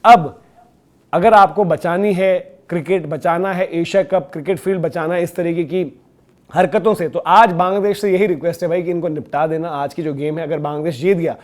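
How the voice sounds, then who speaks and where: A man's voice: fairly high pitch, steady tone, normal speed. A man giving scornful, indignant opinion commentary on cricket, hammering his points with repetition.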